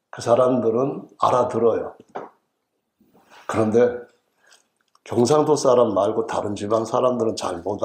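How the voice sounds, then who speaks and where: Low-voiced pastor in an echoey church. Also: male voice, a little mellow. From Chungcheong region, South Korea. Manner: humorous, folksy storytelling. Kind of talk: sermon. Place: church sanctuary. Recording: roomy church echo.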